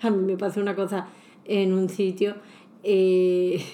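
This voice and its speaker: A woman's voice: mid-range voice, unhurried, echoey room. A middle-aged woman with an Andalusian accent, co-hosting a casual podcast chat and telling stories with lots of laughter. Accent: Andalusian Spanish. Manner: animated storyteller who laughs often. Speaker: podcast co-host.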